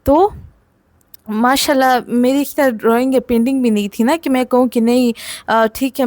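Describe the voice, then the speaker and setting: A young woman, an artist, casually rambling through a personal storytime, switching back and forth between two languages with fast bursts and slow pauses. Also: on the high side, darkish tone, no echo. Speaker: artist and channel host.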